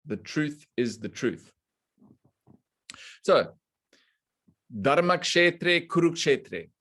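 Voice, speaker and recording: A man teaching a scripture class to students online, explaining slowly and deliberately and putting questions to the class. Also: on the high side, very animated, fairly bright tone. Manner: slow and deliberate, quizzing the class. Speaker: spiritual teacher.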